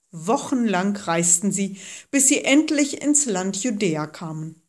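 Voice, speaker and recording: A woman narrating a children's Bible story with gentle, clearly paced storytelling. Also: mid-range voice.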